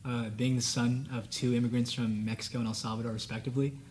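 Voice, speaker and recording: Young guy, first language spanish, earnest and reflective, kinda flat, bit of hiss. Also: medium pitch, fast. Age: young adult. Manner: earnest, reflective, with many fillers. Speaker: student panelist. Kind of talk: casual discussion.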